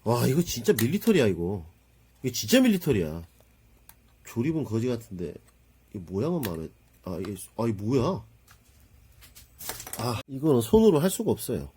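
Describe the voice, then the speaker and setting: A man talks casually over a hobby model build, exclaiming and muttering as he fiddles with small parts. His voice is slightly husky and swings widely in pitch, jumping up with excitement and sinking into low asides. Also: normal speed, pauses often. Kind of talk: casual hands-on hobby narration.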